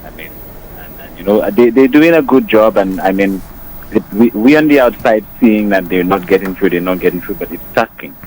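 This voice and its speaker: A man's voice: on the low side, animated, brisk, a little mellow, a little hiss or hum. A man calling into a radio show over a weak phone line, speaking casually with many fillers and restarts. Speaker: radio call-in caller. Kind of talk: casual call-in praise.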